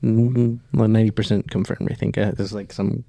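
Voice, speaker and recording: A man's voice: on the low side, level tone, a little fast, gravelly, dark tone. A young man on a casual podcast, mostly chiming in with short agreements. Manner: mostly brief agreeing backchannel. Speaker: podcast co-host. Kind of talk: casual chat.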